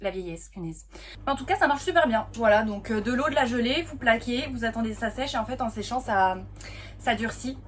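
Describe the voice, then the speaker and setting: Young woman, playful casual vlogger, slightly high voice, phone-recorded with a little hiss. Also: animated, a little fast. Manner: chatty, playful, laughs often, lots of fillers. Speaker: dance vlogger. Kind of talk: casual vlog chat to camera. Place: at home, then cycling outdoors and at a café.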